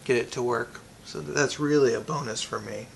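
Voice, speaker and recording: Halting and pausing, a man thinks aloud through an offhand, unscripted product review. His voice is mid-range and creaky, with a little hiss or hum in the recording.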